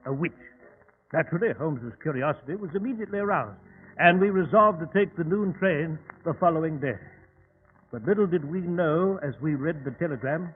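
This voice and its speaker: A man playing an earnest gentlemanly doctor, telling his tale formally and dramatically in an old-time radio drama. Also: a little high, lively intonation, fairly quick, lightly acted. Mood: storytelling, grave. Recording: tinny old radio recording.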